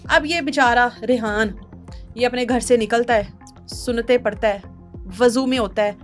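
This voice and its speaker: A woman narrating a crime case on a talk show, animated and acting out the people she quotes. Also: faint music behind. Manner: animated, shifts pitch for quoted speakers.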